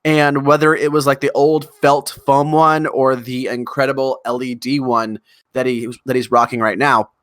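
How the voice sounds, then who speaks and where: A man's voice: mid-range voice, level tone, normal speed, fairly bright tone, no room sound. A man co-hosting a casual music chat show, talking with rambling enthusiasm and casual swearing. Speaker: podcast co-host.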